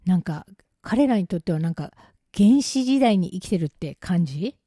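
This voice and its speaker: Chatty woman vlogger with a mellow, warm voice and dry, close sound. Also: lowish voice, normal speed, slightly rough, no echo. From Japan. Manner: chatty and self-mocking, with lively asides. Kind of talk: casual storytelling.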